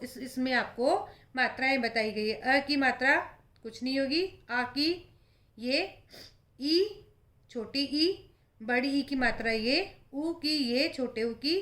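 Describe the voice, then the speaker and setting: Woman, high voice, slow delivery, primary-school teacher, patient, repeats examples. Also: a bit bright. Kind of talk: primary-school grammar lesson.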